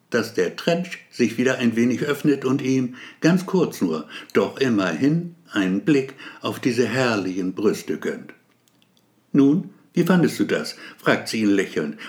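Playful German male audiobook narrator. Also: mid-range voice. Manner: playful, wry storytelling.

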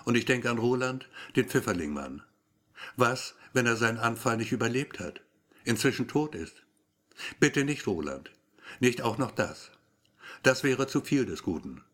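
A man's voice: medium pitch, very animated, moderate pace, fairly bright tone. A man reading a story aloud as scripted first-person narration, with a wry, brooding inner-monologue manner. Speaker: audiobook narrator.

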